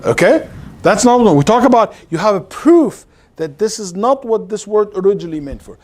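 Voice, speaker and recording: Speaking at normal speed in a high-pitched, very animated voice, a man with an Arabic accent delivers an interactive religious lesson. As an Islamic lecturer, he explains in a teaching manner and tests understanding through questions. This live class at an Islamic center comes through a clearly noisy room recording.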